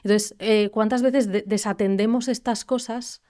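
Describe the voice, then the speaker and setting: A woman's voice: medium pitch, fairly even intonation, normal speed, warm tone. A young woman from Spain in a reflective panel conversation, often restarting her sentences and checking in with "¿no?". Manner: reflective, many restarts and tag questions. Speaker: podcast co-host.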